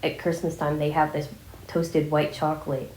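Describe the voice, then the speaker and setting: In a noticeably echoey room, a woman chats informally to her viewers. Her voice sits a little low, with the scratchy sore throat of someone fighting a cold. She rambles along casually, letting thoughts trail off. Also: completely flat delivery, moderate pace, a little mellow. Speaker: vlogger addressing viewers. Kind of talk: casual chatty vlog.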